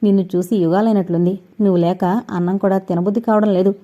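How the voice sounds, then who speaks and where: A woman voicing a sharp-tongued, stubborn old grandmother with a blunt, scolding manner in a dull lo-fi recording. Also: medium pitch, fairly even intonation, fast, natural voice. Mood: worried.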